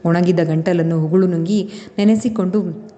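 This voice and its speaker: A woman host narrates a serialized story with steady, expressive delivery. Her voice is low and mellow. A long reverb trails behind her words. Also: measured pace, highs cut off.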